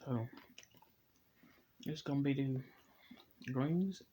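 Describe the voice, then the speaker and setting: Mellow-voiced man chatting in a vlog. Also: medium pitch, slow, a little hiss or hum. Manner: relaxed, rambling and reflective, eating while talking. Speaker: vlogger. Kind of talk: casual personal vlog. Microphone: phone camera.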